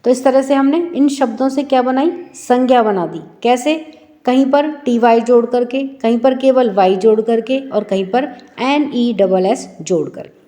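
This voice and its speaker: A woman's voice: fairly high pitch, fairly even intonation, moderate pace, mellow, long reverb tail. A woman teacher explaining an English lesson for schoolchildren, asking rhetorical questions and answering them herself.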